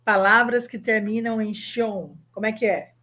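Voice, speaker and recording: A Brazilian woman in her fifties, an English teacher giving an online lesson, upbeat and coaxing, drilling words slowly and spelling them out. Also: medium pitch, steady tone, sharp tone. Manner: upbeat, coaxing, asks the viewer to answer.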